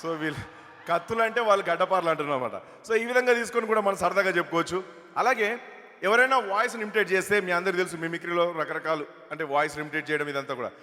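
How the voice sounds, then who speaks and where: A male comedian chatting through a lively stage comedy routine at a large event, on a handheld mic through an echoey hall PA. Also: high-pitched, fast. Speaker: stand-up comedian and mimic.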